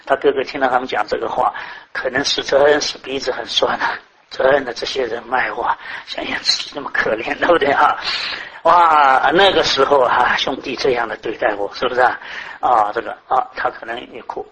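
A man preaching a sermon to a congregation, asking many rhetorical questions and swinging between raised, emphatic phrases and soft, low ones. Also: moderate pace, husky, poor audio.

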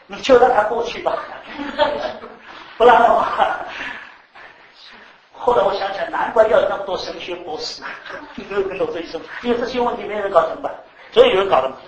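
A man preaching to a class, animated, repeating words and quizzing the audience. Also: sits high, a little fast, slight background noise. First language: Chinese. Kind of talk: sermon to a class. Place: teaching room with live audience. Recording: echoey room, mic at a distance.

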